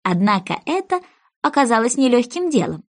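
A woman narrating a children's fairy tale audiobook in an expressive way. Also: fairly high pitch, normal speed.

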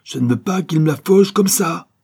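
A man voicing a jealous, hot-headed young man who shouts in a furious outburst, in a storybook reading. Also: low-pitched, steady tone, fairly quick, husky.

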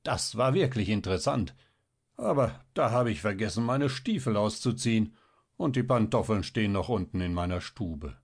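Man voicing a middle-aged official, genial, wry, measured, lowish voice. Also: expressive, slightly rough.

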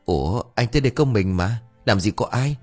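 A man's voice: fairly low pitch, animated, brisk, slightly rough, soft background music. A man voicing a polite, puzzled young female nurse.

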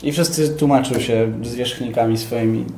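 A young man talks through his ideas in a relaxed, thoughtful interview, his voice mellow and soft-edged. The sound is roomy and echoey, with a faint hiss of noise underneath. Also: mid-range voice, normal speed. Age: young adult. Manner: thoughtful, explanatory. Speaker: interviewee, rapper. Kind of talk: casual interview.

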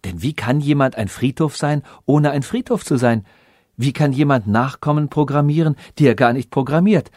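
A man reading an audiobook gives voice to a haughty, suspicious robot princess who asks probing questions. His mid-range voice, at normal speed, is a little mellow and close to his everyday sound, recorded clean in a studio with no room sound.

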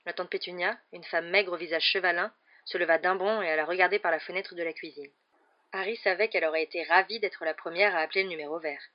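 Audiobook narrator, steady measured read; lo-fi, muffled recording. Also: mid-range voice. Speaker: audiobook reader. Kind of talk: scripted narration. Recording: dull lo-fi recording.

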